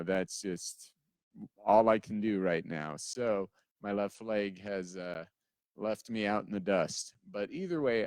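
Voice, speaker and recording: A man's voice: on the low side, darkish tone, no room sound. A man giving a casual drum lesson who counts in aloud and sometimes wanders off topic. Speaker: drum teacher. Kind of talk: casual instructional talk.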